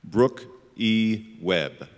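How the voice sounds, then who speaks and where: A man reading graduates' names at a commencement ceremony, slowly and deliberately, one name at a time. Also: on the low side, animated. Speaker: name reader. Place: large auditorium. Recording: long hall reverb.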